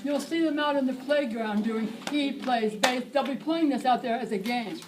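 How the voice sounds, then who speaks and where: An older woman giving a lively lecture to teachers, demonstrating chants with rhythm and repetition. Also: sits high, normal speed. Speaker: teacher trainer. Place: lecture hall. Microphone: tablet recording from the audience. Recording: distant room recording with faint hiss.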